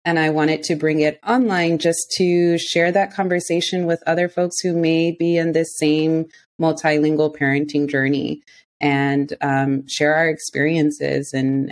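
A woman hosting a podcast, reading her introduction and then interviewing a guest. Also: deep voice. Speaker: podcast host.

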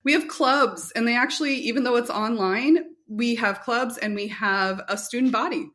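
Speaking as a guest for a homeschool curriculum company, a middle-aged woman gives casual, talkative interview answers full of anecdotes and quoted dialogue. Her voice is a little high and a bit bright, delivered at a moderate pace.

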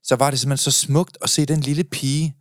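A man's voice: mid-range voice, flat delivery, dry recording, studio quality. A man hosting a podcast, talking reflectively and encouragingly in a casual conversation. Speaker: podcast host.

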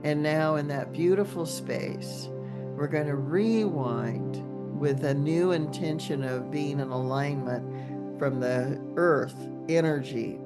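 Slow-paced woman guiding meditation over music. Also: very deep voice. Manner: slow, instructive, with repeated affirmations. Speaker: host and guided meditation leader. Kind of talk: guided meditation, then informal thanks. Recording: music behind the voice. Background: plucked guitar music.

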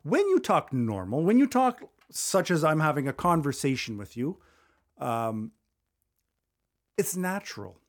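A fast-talking man hosts a solo podcast, speaking into a studio microphone in a small studio. His voice sits a little higher than most men's, and his delivery is loose and conversational rather than scripted. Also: big pitch swings. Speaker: podcast host. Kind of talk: solo podcast advice talk.

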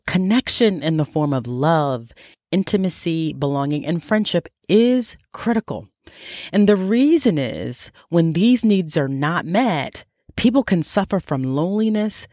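A low-pitched woman's voice with lively, swinging intonation, nasal and stuffed up with a cold. She presents a motivational podcast monologue in a close, dry recording. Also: no room sound. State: sick with a cold. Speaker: podcast host, life coach.

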